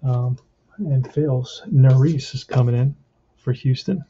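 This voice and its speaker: A man's voice: medium pitch, takes it slowly, warm tone, breathy edge. A man giving casual play-by-play of a tabletop baseball game, thinking aloud as he plays. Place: indoors at a tabletop. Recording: muffled lo-fi, faint noise with clicks.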